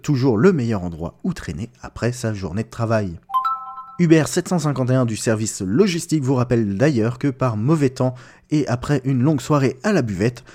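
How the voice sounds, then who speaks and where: A man with a warm, slightly rough mid-range voice plays an upbeat morning newsreader on a Christmas elves' radio station. He reads a scripted comic bulletin in a playful announcer style.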